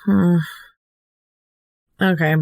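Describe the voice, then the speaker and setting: A woman's voice: on the low side, fairly even intonation, very slow, gravelly, a little mellow, no room sound. Woman player thinking aloud. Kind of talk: casual tabletop game play.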